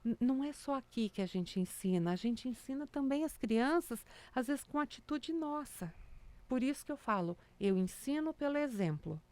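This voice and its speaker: A woman's voice: high-pitched, normal speed. A woman, a music teacher for small children, telling stories in casual chat and acting out the quotes in them. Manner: animated storyteller acting out quotes, many "né?" tags.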